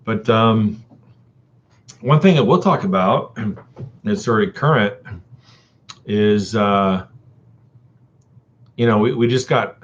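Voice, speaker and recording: Casual man, low-pitched, rambling, filler-heavy, folksy, dull lo-fi stream sound. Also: slow pace, pauses often, a little hiss or hum. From Texas. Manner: rambling, many ums and uhs; folksy, addresses viewers as buddy and dude. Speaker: live streamer. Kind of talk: casual live-stream chat with viewers.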